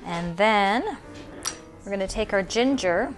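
A woman's voice: mid-range voice, lively intonation, slow, soft background music. A middle-aged woman hosting a cooking show in her home kitchen, explaining each step in a friendly way with a few fillers. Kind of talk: cooking demonstration.

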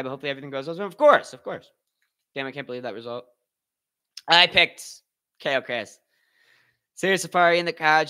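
A man's voice: a little high, pushed and bright. A man hosting a live watch-party stream, commenting casually in loose slang and reading out and answering his chat.

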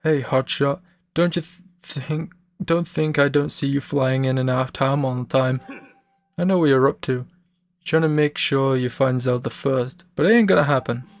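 A man's voice: mid-range voice, moderate pace, natural voice. A man voicing a brash, jealous young male bully from a video game, taunting a rival. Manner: taunting, boastful.

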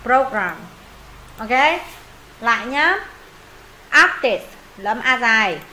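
Vietnamese lady teacher going over english sounds, fairly high bright voice, bit of background hiss. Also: expressive, slow pace, poor audio. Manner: repeats words for students, thinks aloud when unsure. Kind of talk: pronunciation lesson, explaining and modelling words.

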